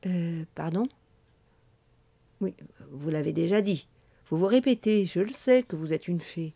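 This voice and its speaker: A woman's voice: fairly low pitch, vocal fry, warm tone. A woman voicing a cool, bossy six-year-old girl who scolds and lectures an adult in a storybook reading. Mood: weary. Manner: curt, scolding, rapid when lecturing.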